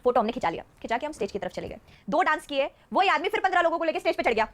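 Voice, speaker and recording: Fast, high-voiced woman. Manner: animated storyteller who often laughs mid-sentence. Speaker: stage dancer and performer, podcast guest. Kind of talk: casual storytelling interview.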